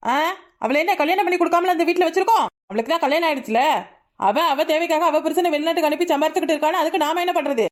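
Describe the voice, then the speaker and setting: Woman voicing a fast-talking sulky young wife. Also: extremely high pitch. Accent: Kanyakumari Tamil. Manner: sulky, retorting. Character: young village wife, sulky and sharp-tongued.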